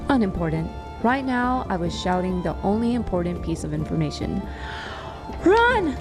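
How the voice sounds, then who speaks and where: A woman's voice: on the low side, animated, brisk, over music. A woman narrating a first-person story aloud with wry, dry humor. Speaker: author and narrator.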